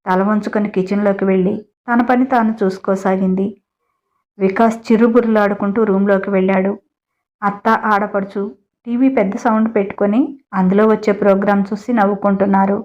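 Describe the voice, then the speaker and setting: A woman's voice: medium pitch, steady tone, fairly quick. Woman narrating a family story, dull audio. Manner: friendly, addresses listeners directly. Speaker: storyteller, channel host. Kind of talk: read-aloud story narration.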